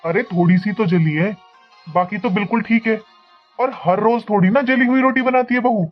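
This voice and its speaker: A man playing an older father-in-law talks in a calm, gently lecturing way. His voice sits high for a man, and the recording sounds dull and muffled, with faint music underneath. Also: moderate pace.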